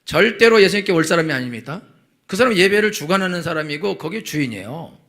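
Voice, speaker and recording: A male senior pastor preaching a Sunday sermon, animated, acting out people's dialogue as he goes. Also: fairly high pitch, fast talker. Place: church sanctuary.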